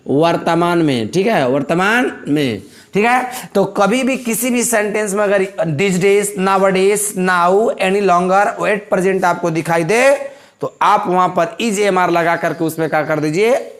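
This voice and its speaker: A man teaching English grammar in a classroom-style lesson, repeating each example sentence and asking rhetorical questions. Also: sits high.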